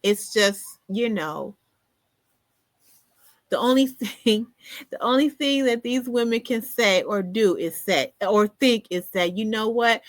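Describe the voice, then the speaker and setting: A woman hosting a podcast in casual solo commentary, animated, often laughing and repeating words for emphasis. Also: mid-range voice, slow, no room sound. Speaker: podcast host.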